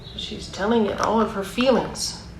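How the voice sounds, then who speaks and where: With a mid-range voice at a moderate pace, a woman reads a children's picture book aloud, chatting encouragingly and posing questions to the young audience. Background noise is clear, and the room gives an echo.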